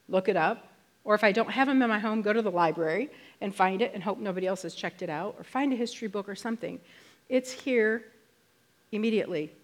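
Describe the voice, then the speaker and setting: Woman preaching a sermon, emphatic and conversational. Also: mid-range voice. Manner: conversational, emphatic, with slowed stressed phrases.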